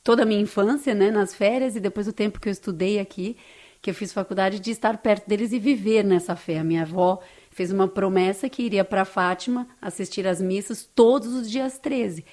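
Interviewed as a guest, a Brazilian woman narrates in an earnest, easygoing way, a little quickly. Her voice is mid-range and darkish, with a Brazilian Portuguese accent.

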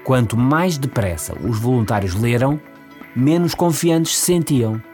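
A man with a European Portuguese accent, explaining ideas in a calm, measured way on a podcast. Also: medium pitch, faint music behind. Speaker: podcast author and guest commentator. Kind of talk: casual explanatory chat.

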